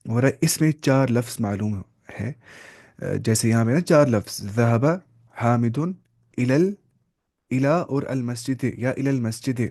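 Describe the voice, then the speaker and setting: Teaching Arabic grammar online, a man with a warm, medium-pitched voice explains things step by step. He poses questions to the class and answers them himself, slips in English terms, and reads Arabic words slowly.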